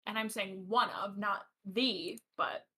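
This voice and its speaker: A woman's voice: medium pitch, takes it slowly, sharp tone, slightly rough. A young woman co-hosting a podcast, telling a story in casual chat with hesitant ums. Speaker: podcast co-host.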